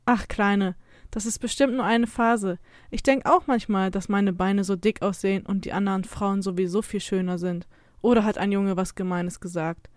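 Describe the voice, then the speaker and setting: A woman voicing a gentle, well-meaning middle-aged mother who brushes off her child's worries. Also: mid-range voice, steady tone, moderate pace, no echo, clean studio sound, close to an everyday voice. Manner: gentle, soothing.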